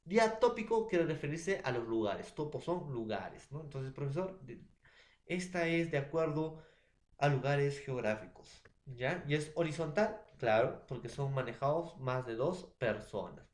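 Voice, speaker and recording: A man's voice: on the high side, animated, a little slow. Man presenting a lesson in an echoey room. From Peru. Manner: addresses a teacher often, with many fillers and tag questions. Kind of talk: classroom presentation.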